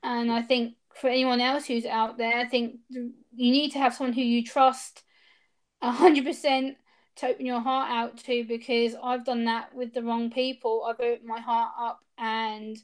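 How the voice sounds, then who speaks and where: A woman's voice: fairly high pitch, level tone, moderate pace. A woman speaking openly and earnestly as an interview guest, with hesitant restarts, over a video call. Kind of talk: candid personal interview.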